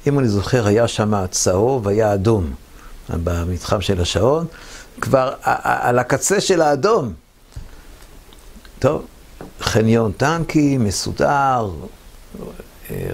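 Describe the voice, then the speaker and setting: A man in his seventies tells his wartime memories in an interview. His low voice is rough and gravelly. He tells it vividly and mimics the people he quotes. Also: darkish tone. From Israel. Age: 70s. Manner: vivid storytelling that acts out the voices of others. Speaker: war veteran interviewee. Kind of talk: recounting war memories in an interview.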